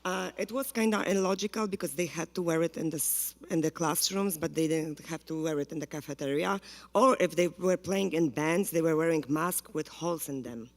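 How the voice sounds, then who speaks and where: A low-pitched woman from Poland, speaking with a Polish accent, gives public comment as a parent at a school board meeting. She pleads earnestly in halting speech. The recording captures the reverberant hall of the board meeting room.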